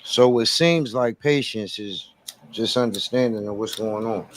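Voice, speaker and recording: A man answering in casual live talk-show chat with calm, measured, reflective points. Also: lowish voice. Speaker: co-host.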